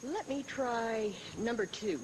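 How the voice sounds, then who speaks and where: A woman's voice: a little high, slow pace, a little hiss or hum, poor audio. A middle-aged woman from the United States, a game show contestant giving short, hesitant answers. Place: television studio.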